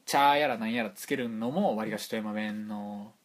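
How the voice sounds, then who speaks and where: A man's voice: lowish voice, moderate pace. A man with a Toyama accent co-hosting a casual radio chat, rambling and often restarting his words. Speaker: radio show co-host.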